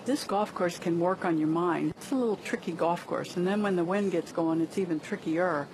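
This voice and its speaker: A woman's voice: lowish voice, moderate pace. A woman giving conversational live commentary as a golf analyst. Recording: clear outdoor ambient noise.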